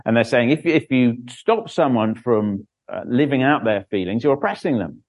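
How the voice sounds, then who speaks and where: A man's voice: medium pitch, expressive, moderate pace, darkish tone. A man reading scripture and preaching a sermon, with frequent "uh" fillers and stumbles over names.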